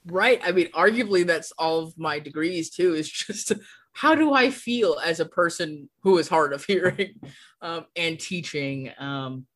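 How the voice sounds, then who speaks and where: Speaking a little slowly in a lowish, expressive voice, a young woman appears as a podcast guest. She's chatty and laughs a lot, sprinkling in fillers such as "like" throughout the casual conversation.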